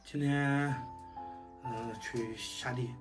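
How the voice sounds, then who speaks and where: A man's voice: medium pitch, fairly even intonation, very slow, recorded from a distance. A man, chatting casually as a vlogger. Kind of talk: casual vlog chat. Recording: background music, voice off from mic. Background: music.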